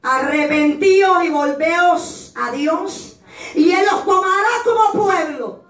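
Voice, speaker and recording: A woman evangelist delivers a fiery Pentecostal sermon in a very high voice, often breaking into shouts. She is heard from some distance in an echoey church hall. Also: takes it slowly. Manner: impassioned, shouting at peaks, acts out voices of others. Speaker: evangelist preacher.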